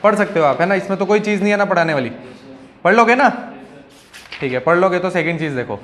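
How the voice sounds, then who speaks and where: A man's voice: sits high, expressive, fast talker. A male teacher giving a classroom lecture in a conversational way, often checking in with his students.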